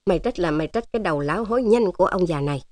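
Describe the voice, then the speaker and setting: A woman's voice: lowish voice, animated, rapid-fire, a little mellow, no room sound, natural voice. A woman voicing a jovial, teasing older male resistance officer in a storybook. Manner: teasing, fatherly, joking.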